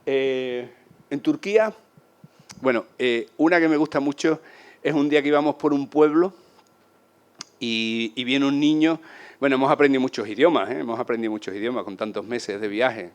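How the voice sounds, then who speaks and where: Andalusian Spanish man, animated storyteller, mid pitch, brief travel yarns. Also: normal speed, clear, resonant tone. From Spain. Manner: animated, acts out voices of people he met. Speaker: traveler telling anecdotes. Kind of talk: casual storytelling talk.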